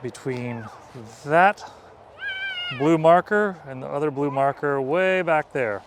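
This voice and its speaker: A man's voice: fairly high pitch, expressive, normal speed. Man, vlog guide, casual explainer, outdoor trail recording, faint traffic noise. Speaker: vlog host and explorer guide.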